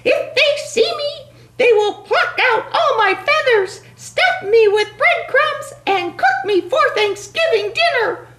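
A woman's voice: extremely high pitch, lively intonation, slow, a bit bright, echoey room, voice pushed up, full character voice. A woman voicing a frantic young male turkey who shrieks and pleads for somewhere to hide. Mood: panicky.

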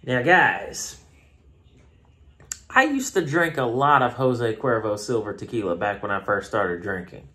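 A man's voice: medium pitch, expressive, a little slow, bright, forceful tone. Chatty Southern man reviewing beer. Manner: chatty, rambling, self-mocking. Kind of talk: casual review vlog. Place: home room. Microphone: phone camera.

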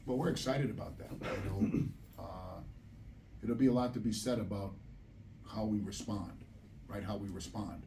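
At a postgame press conference, a middle-aged basketball head coach seated at a press room table answers bluntly and emphatically, repeating phrases for stress. His fairly low, warm voice is creaky, moderately paced, and pauses often. A table mic catches him, but the audio comes from a distant camera in a slightly noisy room.

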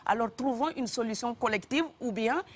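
A woman's voice: on the high side, brisk. A woman from Senegal with a Senegalese French accent and rolled R's, speaking emphatically with frequent hesitations as an interview guest. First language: Serer. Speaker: author guest. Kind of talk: studio interview.

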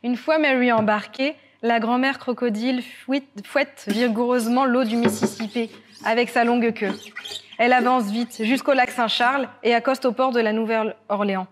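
A woman storyteller telling a folk tale with guitar accompaniment, lively and expressive with dramatic pauses. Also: a little high, background noise. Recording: guitar music throughout.

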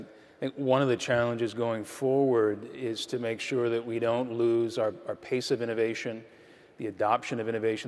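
Thirtyish guy on a panel stage, frank and measured, mid-pitch voice, long reverb from the big hall. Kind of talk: panel discussion. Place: large auditorium stage. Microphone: lapel.

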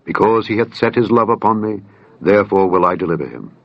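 A man reading scripture aloud as a voice-over, slow, solemn and measured. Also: lowish voice, lively intonation, no room sound. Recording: dull dry voice-over.

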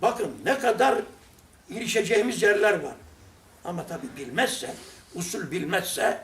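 A man's voice: sits high, expressive, moderate pace, a bit bright. Older man telling funny lesson stories. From Turkey. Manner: humorous, acts out dialogues from his stories. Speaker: religious lesson teacher. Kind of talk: anecdotal storytelling lesson. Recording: roomy sound from a distant mic with faint noise.

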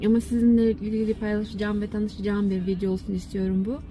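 Mellow, even-toned woman from Kyrgyzstan, halting speech. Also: medium pitch, slight background noise. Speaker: vlogger. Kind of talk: casual talk to followers.

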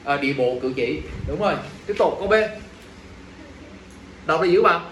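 A man's voice: on the high side, animated, normal speed, fairly bright tone. A male teacher running an exam review lesson, drilling his students with constant check-in questions in a classroom. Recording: echoey room, mic at a distance, faint ambient noise.

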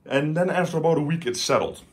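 In his living room, a man from the Netherlands with a Dutch accent gives a casual home tour vlog showing off his stereo system. His voice is on the high side, fast and husky, and he talks enthusiastically with many fillers and restarts.

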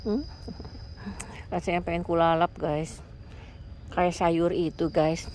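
A woman in a casual vlog who coos and playfully scolds her pets and calls to them in sudden high tones. She talks to her viewers between calls. Faint crickets and outdoor noise sit behind her. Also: fairly even intonation, slow pace, a little mellow. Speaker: vlogger.

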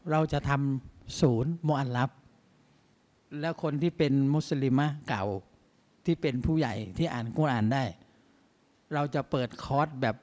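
A man's voice: on the high side, normal speed, long pauses, a little mellow. A man giving a mosque sermon as imam, in a conversational way full of rhetorical questions.

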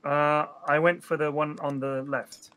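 A man's voice: fairly high pitch, little pitch movement, a little slow, sharp tone, clear, resonant tone. A man co-hosting a gaming stream, teasing and swearing in casual banter over a headset mic. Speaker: gaming channel co-host.

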